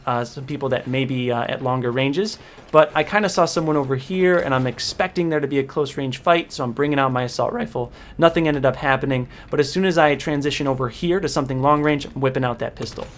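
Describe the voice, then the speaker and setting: A man giving casual, energetic gameplay commentary and tips, talking directly to his viewers. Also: medium pitch, slight background noise. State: jittery from caffeine. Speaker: gaming YouTuber.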